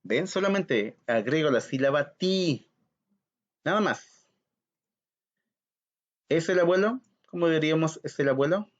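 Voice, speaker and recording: A man teaching a recorded language lesson, slow and patient, repeating words for learners to practise. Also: a little high, animated, muffled recording.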